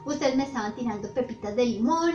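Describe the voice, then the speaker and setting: A woman's voice: on the high side, lively intonation, normal speed, darkish tone, close to an everyday voice. A woman voicing an indignant mother who scolds shrilly in her kitchen. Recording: roomy, slightly dull, faint music.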